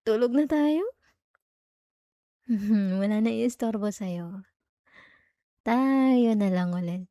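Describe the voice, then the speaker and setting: Speaking softly and tenderly close to a dry microphone, a woman with a Filipino accent plays a gentle, reassuring young girlfriend comforting her partner at night in an intimate ASMR roleplay. Her medium-pitched voice is slow, with long pauses and murmured hums, coaxing and sleepy yet affectionate. There is no room sound.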